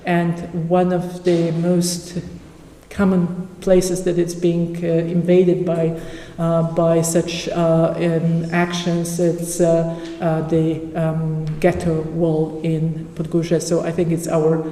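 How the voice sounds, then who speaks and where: A conference speaker talks through an academic presentation in a mellow, subdued voice, halting often between phrases. The delivery is slow, and the sound rings through a lecture hall with a long reverb tail. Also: mid-range voice, monotone. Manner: halting, with frequent pauses and fillers.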